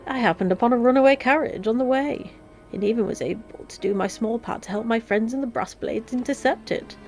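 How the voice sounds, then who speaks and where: A woman's voice: a little high, a little fast, darkish tone, faint music behind, lightly acted. A woman voicing a breezy, chatty male adventurer, reading fantasy game dialogue with jaunty theatrical flair. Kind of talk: video game dialogue read aloud.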